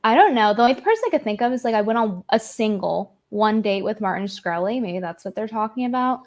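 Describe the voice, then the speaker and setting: A woman's voice: mid-range voice, animated, fairly quick. A woman with a New York accent, a podcast co-host reading and complaining about comments in casual, swearing chat. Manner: chatty, complaining, swears freely.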